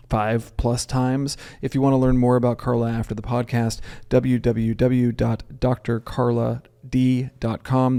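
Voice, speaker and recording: Low, mellow-voiced male podcast host. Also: creaky. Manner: relaxed, easygoing, with frequent ums. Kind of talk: casual interview conversation.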